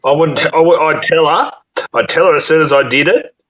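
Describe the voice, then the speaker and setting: A man's voice: a little high, a little fast, fairly bright tone, muffled recording. A man hosting a casual live chat show, telling rambling stories with many restarts and laughs. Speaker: host.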